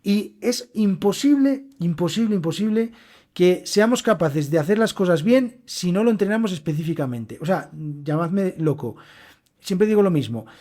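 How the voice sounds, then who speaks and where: A man's voice: sits high, lively intonation, moderate pace, darkish tone. A man from hosting a casual solo podcast lesson, chatty and emphatic, often checking in with "¿vale?". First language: Spanish. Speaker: podcast host and Spanish teacher.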